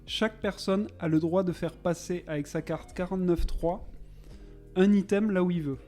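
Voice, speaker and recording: A man's voice: high voice, fairly even intonation, moderate pace, mellow, faint music behind. A man hosting a podcast with casual banter, presenting things in a joking, teasing way. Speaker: podcast host.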